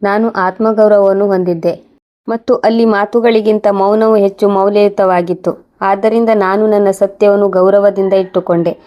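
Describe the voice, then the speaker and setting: A woman telling a moral story as scripted first-person narration, calm and measured. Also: medium pitch, muffled recording.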